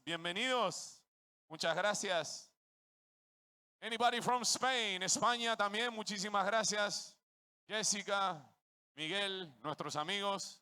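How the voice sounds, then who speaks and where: A male ring announcer at a live fight night, calling out to the crowd with a high, ringing voice. His delivery is bright and forceful, with the booming, crowd-working style of a stadium host. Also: measured pace, smooth. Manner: booming, crowd-working, greets audiences in many languages. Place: boxing stadium.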